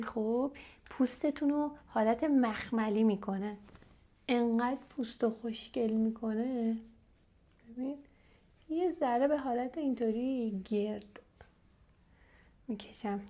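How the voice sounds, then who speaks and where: A woman's voice: fairly high pitch, vocal fry. A young woman from Iran chatting casually to viewers while testing makeup. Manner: chatty, animated, addresses viewers directly. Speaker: beauty vlogger. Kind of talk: casual makeup unboxing chat. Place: at home, seated in front of camera.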